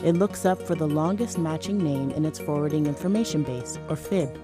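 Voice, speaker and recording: A woman reading a scripted explainer as narrator, measured and precise. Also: low-pitched. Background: background music.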